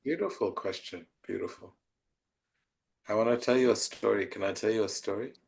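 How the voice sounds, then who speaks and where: A man, a spiritual teacher, answering a question by slowly telling a devotional story in a soft, tender way. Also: on the low side, creaky. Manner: slow, tender storytelling with soft trailing phrases.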